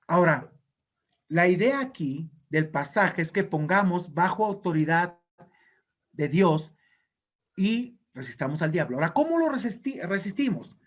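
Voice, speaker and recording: A male pastor delivers a sermon. His voice sits fairly high for a man, and he presses his points home emphatically, exhorting the congregation. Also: lively intonation, unhurried.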